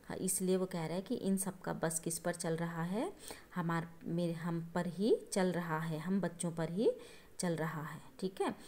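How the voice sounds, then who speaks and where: A woman's voice: fairly low pitch, steady tone, measured pace, a little mellow. A woman teacher explaining a poem to young children, repeating each point patiently and often stopping to check that they follow. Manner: patient, repetitive explaining with frequent checking asides; addresses listeners as children. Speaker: schoolteacher.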